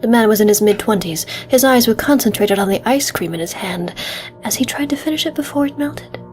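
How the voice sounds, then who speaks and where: A woman voicing a composed male police detective, reading his case narration from a video game in a measured, deliberate way. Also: fairly high pitch, animated, a little mellow, soft background music, natural voice. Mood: measured, observant.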